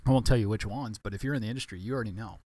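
Male podcast host, lowish voice, dry close recording, rambling casual delivery full of restarts. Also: very fast, a little mellow, no room sound. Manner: rambling, many restarts and self-corrections. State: tired, yawning. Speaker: podcast host, former baggage handler.

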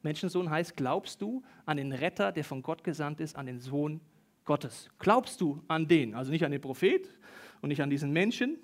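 High-voiced, chatty male preacher. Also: moderate pace. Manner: conversational, addresses listener directly, animated. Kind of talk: sermon. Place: church hall service.

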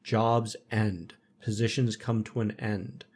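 A man hosting a podcast who speaks in measured, reflective statements during casual chat. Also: fairly low pitch, flat delivery, a little mellow, breathy edge. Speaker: podcast host.

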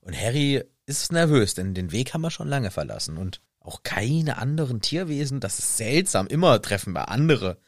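Ein Mann, der im lockeren Podcast-Gespräch salopp und scherzend plaudert. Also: male voice, medium pitch, big pitch swings, moderate pace, hardly any pauses, no room sound, clean studio sound. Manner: slangy, joking. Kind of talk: casual chat.

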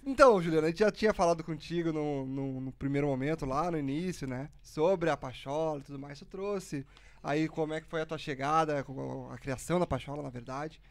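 A man's voice: on the high side, fairly quick, creaky. A man who casually steers the talk toward his next question as the interviewer.

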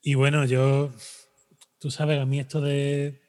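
A man co-hosting a relaxed podcast chat, animated and jokey. His voice sits at an ordinary middle pitch, and his sentences often trail off into fillers. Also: slow pace. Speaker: podcast co-host. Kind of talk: casual chat.

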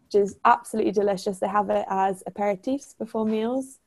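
A woman's voice: medium pitch, fairly even intonation, a little fast, darkish tone. A young woman guest on a podcast, chatting casually and describing things with enthusiasm. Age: young adult. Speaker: podcast guest, former language assistant. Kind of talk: casual chat.

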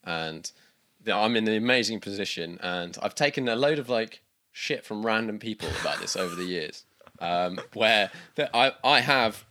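A man's voice: on the low side, animated, normal speed, bright, forceful tone, slight background noise. A man from the UK in his thirties, chatting casually as a guest, rambling with many restarts and fillers. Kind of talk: casual interview chat.

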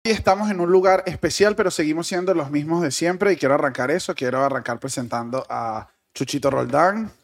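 A man hosting a podcast, introducing guests in a relaxed way with halting fillers. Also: on the high side, creaky. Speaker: podcast host. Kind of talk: casual chat.

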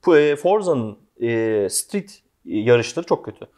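A man's voice: mid-range voice, lively intonation, slow, a little mellow. A young man, co-hosting a casual gaming discussion and explaining his opinions. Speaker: gaming show co-host. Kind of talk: casual video game discussion.

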